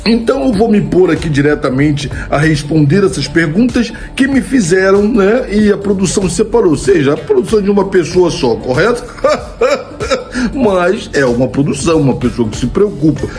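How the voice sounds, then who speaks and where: Chatting casually into an old phone camera framed close, a middle-aged comedy creator with a Brazilian Portuguese accent fields viewer questions from his home. His high voice is very animated and a little mellow at normal speed, with faint music in the background. He keeps asking "né?" and laughs at his own jokes throughout this casual Q&A monologue.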